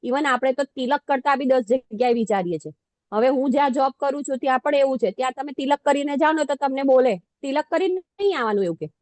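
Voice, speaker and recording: A woman's voice: high-pitched, fast, a little mellow, no room sound. A woman giving a devotional scripture class in a conversational, self-deprecating way, often putting questions to her listeners.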